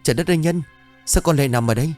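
A man's voice: lowish voice, expressive, fast, a little mellow, soft background music, lightly acted. A man voicing a worried young village wife and mother, fretful and calling out anxiously.

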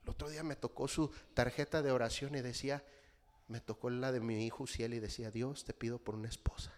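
A middle-aged man with a Mexican accent preaching a sermon, animated and constantly addressing the congregation as brothers. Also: mid-range voice, quick pace. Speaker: pastor.

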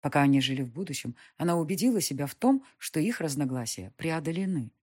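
A woman narrating a period novel as an audiobook, in an expressive storytelling manner. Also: sits low, fast talker, breathy edge.

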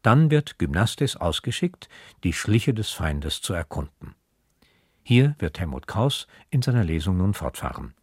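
A man as radio presenter giving a calm, explanatory scripted introduction. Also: low voice, a little slow, slightly rough, no room sound, studio quality.

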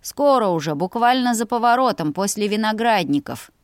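A woman voicing a respectful male coach driver who speaks slowly and reassuringly. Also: mid-range voice, lively intonation, dry recording, studio quality, natural voice.

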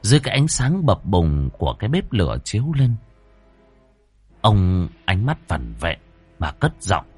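A man's voice: lowish voice, huge pitch swings, normal speed, long pauses, a little mellow, breathy edge, soft background music. A man telling a ghost story in scripted, dramatic narration.

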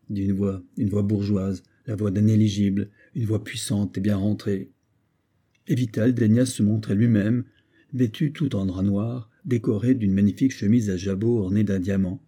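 Male audiobook reader, measured and ironic, very dark and husky. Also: on the low side. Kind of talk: scripted narration.

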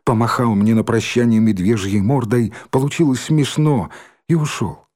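A man narrating an audiobook in steady first-person storytelling. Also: medium pitch, moderate pace. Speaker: audiobook reader.

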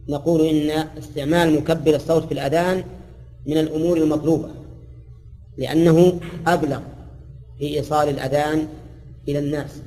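An older man teaches in a measured, explanatory way, sounding out words to show how they should be said. His voice is mellow and sits a little high for a man. The long reverb of a large hall trails after his speech. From Saudi Arabia. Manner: explanatory, demonstrates recitation aloud, quizzes students. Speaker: Islamic scholar teaching a hadith commentary. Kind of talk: religious lecture. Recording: reverberant lecture hall recording.

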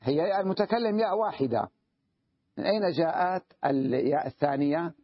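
A man gives a patient grammar lesson. He repeats key phrases and keeps asking whether his listeners follow. His voice is husky, and the recording is dry and muffled, lacking crispness. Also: a little high, animated, no room sound. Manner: repeats key phrases slowly, checks understanding with questions. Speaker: Arabic grammar teacher.

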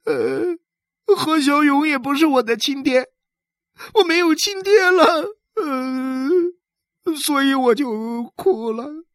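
A man's voice: very high voice, animated, measured pace, long pauses, fairly bright tone, dry recording, studio quality, pitched above the performer's own voice, heavily acted. A man voicing a sad, stubborn eleven-year-old boy who begs strangers for a father, in a childish, whiny way. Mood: tearful.

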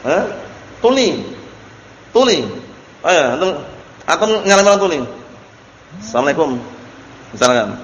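A man's voice: high voice, very animated, moderate pace, pauses often, a bit bright, muffled recording. A man teaching a religious study class, explaining Arabic text and often asking his students questions. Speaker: Islamic teacher. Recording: echoey hall recording with faint noise.

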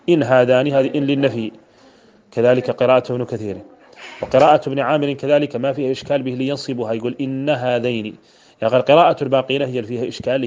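A man from Mauritania, a sheikh teaching grammar, who goes through a poem line by line, repeats word forms and chants the verses he quotes. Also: medium pitch. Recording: dull lo-fi recording.

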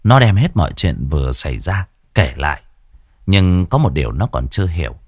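A man tells a ghost story in a low, husky voice. His delivery is animated, rising and falling with the tale, and the recording is dry and close. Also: moderate pace, dry recording. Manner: lively, colorful storytelling.

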